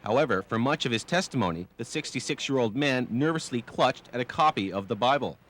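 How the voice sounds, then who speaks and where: A male TV news reporter narrates a scripted report. His voice sits at a middle pitch for a man. The delivery is that of a prepared news piece, read in full sentences. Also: animated, fairly quick, fairly bright tone.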